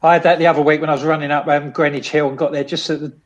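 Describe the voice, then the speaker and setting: A podcast co-host chatting casually and asking questions in an offhand, slightly halting way. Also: mid-range voice, little pitch movement, lo-fi sound. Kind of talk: casual chat, asking quick-fire questions.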